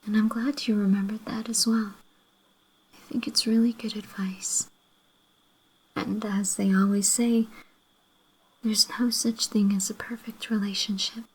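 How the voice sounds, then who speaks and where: A woman playing a loving, apologetic girlfriend in a breathy whispered role-play, gently making up after a fight. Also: mid-range voice, flat delivery, a little slow, pauses often, poor audio. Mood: tender, conciliatory. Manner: gentle, reconciliatory, making up tenderly.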